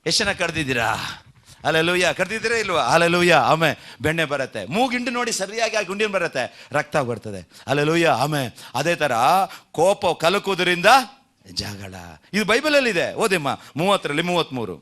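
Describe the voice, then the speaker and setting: A man's voice: a little high, big pitch swings, normal speed, sharp tone. A man preaching a sermon, leading the congregation in call and response with frequent hallelujahs and amens. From India. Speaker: pastor.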